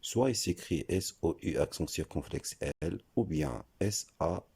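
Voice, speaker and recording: Very deep, slow-spoken man teaching French. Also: lively intonation, gravelly, dark tone, husky. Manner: slow, deliberate, spells out letters. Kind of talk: scripted explanatory lesson.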